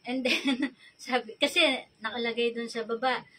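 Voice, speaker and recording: A woman's voice: a little high, steady tone, normal speed, fairly bright tone, poor audio. A middle-aged Filipino woman with a Filipino accent, chatty and explaining things in a casual tutorial vlog, often checking in with "no?". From Philippines. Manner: chatty, mixing English and Tagalog, frequent "no?" tag questions. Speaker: virtual assistant coach.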